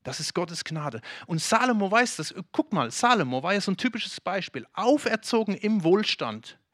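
A man from Germany preaching a sermon, talking straight to the congregation in a lively way with frequent restarts. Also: high voice, moderate pace, no room sound, studio quality. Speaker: pastor.

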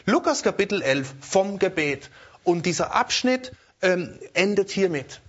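A man preaching a sermon in a lively way, often checking in with his listeners and repeating words as he searches for the next one. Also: high voice, measured pace, slightly rough, muffled recording.

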